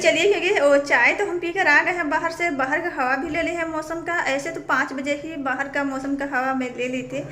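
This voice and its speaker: Chatty young woman with a high voice. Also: noisy background. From India. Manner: chatty, rambling, repeats "kyunki" and "na"; speaks as a voice-over, not to camera. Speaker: vlogger. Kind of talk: casual daily routine vlog.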